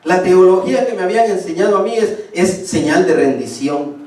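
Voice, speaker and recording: A man's voice: sits high, normal speed, dark tone. A man preaching a sermon, speaking emphatically and addressing his congregation directly. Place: church hall. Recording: echoey hall, distant mic.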